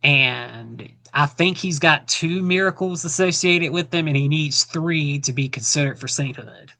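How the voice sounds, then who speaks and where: A man's voice: a little high, a little slow, pushed and bright, no room sound. A man who is a podcast guest, talking in an easygoing, informative way with light humor. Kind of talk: casual podcast chat.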